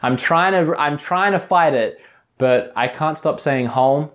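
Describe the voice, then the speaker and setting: A man's voice: on the high side, a little slow, fairly bright tone, lo-fi sound. A young Australian man with an accent drifting toward American, talking earnestly and rambling in a casual vlog, often restarting his sentences. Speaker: YouTube host. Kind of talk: casual vlog talk to camera.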